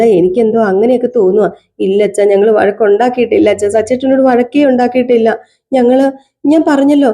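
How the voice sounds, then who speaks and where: A woman's voice: fairly high pitch, warm tone, natural voice. A woman retelling a serial voices a young wife who pleads, upset over her missing husband.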